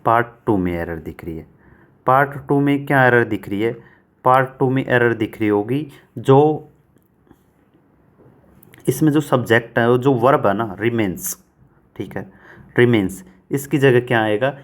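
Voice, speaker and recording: A man teaching English grammar for exam prep in Hindi, who asks questions and answers them himself and reads example sentences out slowly, word by word. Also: medium pitch. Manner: asks and answers his own questions, repeats answers.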